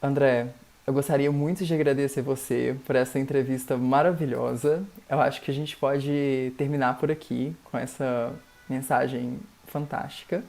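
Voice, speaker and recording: A man's voice: mid-range voice, fairly even intonation, normal speed, creaky, a little mellow. A man hosting an interview, thanking his guest in a polite, formal way. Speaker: interviewer, host.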